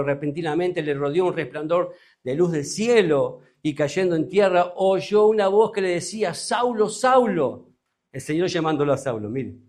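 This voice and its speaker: A male pastor with a Uruguayan accent preaching a sermon, reading scripture slowly and asking the congregation rhetorical questions. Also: a little high, darkish tone. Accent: Uruguayan Spanish. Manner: reads scripture aloud slowly.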